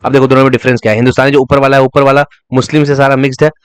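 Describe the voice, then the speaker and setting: A man teaching a fast revision lesson for exam students, repeating key terms as memory tricks and asking and answering his own questions. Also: medium pitch, level tone, clean tone, no room sound. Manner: breaks into short sung snatches to illustrate.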